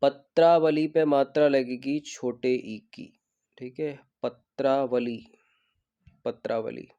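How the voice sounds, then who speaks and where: A man leads an exam preparation class in a relaxed, mellow voice, taking each test question in turn. He repeats the right answers slowly and deliberately so they stick, and often asks the class to supply the answer. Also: mid-range voice, clean tone, dull audio. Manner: repeats each correct word slowly to drill it; checks in with students and asks them questions. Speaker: exam coaching teacher. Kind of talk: explaining a Hindi spelling test.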